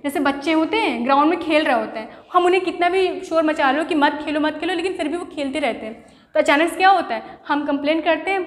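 A woman teacher giving a classroom science lesson, explaining with everyday examples and asking rhetorical questions. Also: sits high. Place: room. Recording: echoey room with long reverb.

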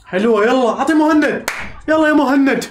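Excitable high-voiced fan shouting. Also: male voice, fast talker, slight background noise. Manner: excitable, shouts and cheers players on, repeats phrases. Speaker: fan reacting to a live match. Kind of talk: live match reaction commentary. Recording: echoey room.

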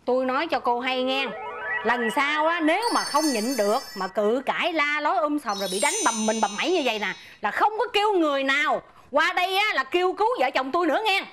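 A woman's voice: sits high, lively intonation, brisk, background noise. An actress playing a middle-aged village neighbor with a Southern Vietnamese accent, motherly and lecturing. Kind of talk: rural comedy film acting.

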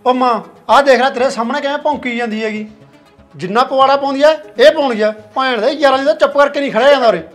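A man's voice: sits high, fairly quick, soft background music, close to an everyday voice. A man playing a young son who defends his widowed sister-in-law against his family in a short film. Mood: angry. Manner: protective, arguing.

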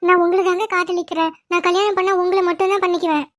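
A woman's voice: very high-pitched, flat delivery, fast, pitched above the performer's own voice. A woman voicing a desperate, lovesick young woman in a cartoon, who begs as she speaks. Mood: begging. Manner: begging.

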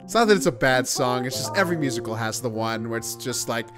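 A man co-hosting a reaction video, excitable and joking as he chats. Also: mid-range voice, fast, over music. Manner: excitable, joking, sings and quotes along. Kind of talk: casual reaction chat.

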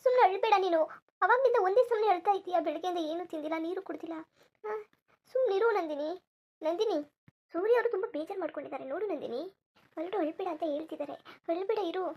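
A gentle cartoon friend, played by a woman who hushes a crying woman in a soft, quick murmur. The voice sits very high and squeaky. She sounds quiet and steady. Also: muffled recording. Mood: soothing. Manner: soft, hurried, soothing reassurance. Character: calm woman consoling a grieving friend.

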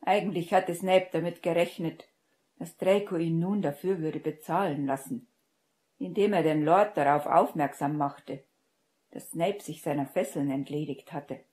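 Low-voiced woman reading a story aloud. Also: moderate pace, warm tone. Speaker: audiobook reader. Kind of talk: fan-fiction audiobook narration.

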